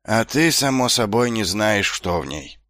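A man voicing a weary, gloomy middle-aged watch captain in an audiobook, talking slowly and tiredly. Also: fairly bright tone, no echo, clean studio sound. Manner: slow, tired, low-spirited.

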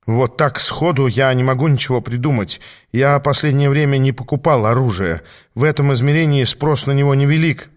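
A man reading the part of a sly male devil who turns shrill and panicky when pressed, in an audiobook. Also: a little fast, natural voice. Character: fussy, sly, easily rattled male devil.

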